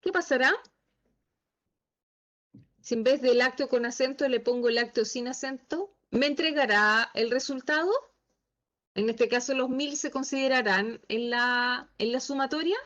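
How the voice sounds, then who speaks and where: Female instructor, high voice, patient step-by-step teaching, slightly muffled call audio. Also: measured pace, a bit bright. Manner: patient, asks the class checking questions. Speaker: Excel instructor. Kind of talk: online class teaching. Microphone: video call.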